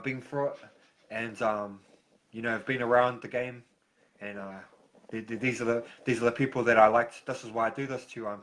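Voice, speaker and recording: A man with a broad New Zealand accent hosts a casual live stream. His delivery is halting, with pauses breaking up his sentences as he addresses viewers and guests. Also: lowish voice, a bit bright, low-quality recording. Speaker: host of a recovery live stream.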